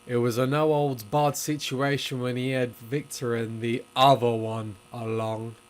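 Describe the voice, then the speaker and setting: A man's voice: mid-range voice, level tone, a little slow, lightly acted. A man voicing a wry, grandiloquent undertaker in a cartoon fan dub, with a wordy, theatrical, sardonic delivery. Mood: wry storytelling. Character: wry, grandiloquent male undertaker and bootlegging accomplice. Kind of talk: animated fan dub acting.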